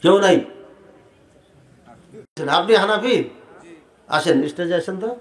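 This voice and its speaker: A man preaching to a crowd, animated and rhetorical, asking the audience questions directly. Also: high voice, a little slow. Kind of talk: sermon debating prayer practice. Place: large hall with audience. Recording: echoey hall sound.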